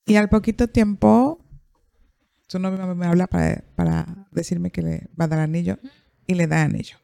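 A woman's voice: on the low side, fairly even intonation, moderate pace, gravelly, dark tone, no echo. A woman, a therapist hosting a podcast, telling a story in conversation and acting out the quoted dialogue.

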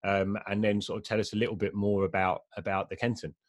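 A man hosting a podcast interview, chatty and quick to laugh, often restarting his questions. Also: lowish voice, level tone. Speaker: podcast host. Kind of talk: casual interview.

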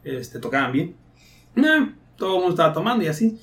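A man with a Mexican accent speaks in a high register as a podcast guest. He tells stories in a loose, slangy way. He acts out other people's lines with lively energy. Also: a little fast. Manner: animated, slangy, quotes friends in lively asides. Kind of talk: casual storytelling.

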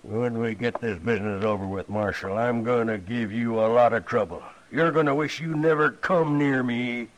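An actor playing a mean, threatening older rancher in a 1950s radio drama, gruff and contemptuous. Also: male voice, mid-range voice, fairly even intonation, moderate pace, hardly any pauses, muffled recording, natural voice. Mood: menacing.

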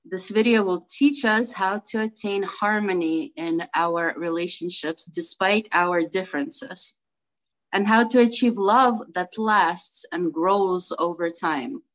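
Speaking slowly in a lowish voice, a woman from Brooklyn, New York co-hosts a video call meetup. Her manner is casual and warm, with plenty of fillers and restarts.

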